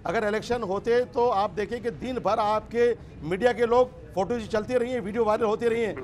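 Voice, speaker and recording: A man's voice: sits high, fairly quick, darkish tone, slight background noise. A middle-aged man arguing angrily in a televised political debate, interrupting and firing repeated rhetorical questions. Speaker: political party guest.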